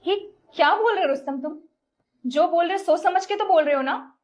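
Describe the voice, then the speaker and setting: A woman's voice: very high voice, fairly quick, lo-fi sound. An actress playing a defiant young wife who scolds her husband indignantly.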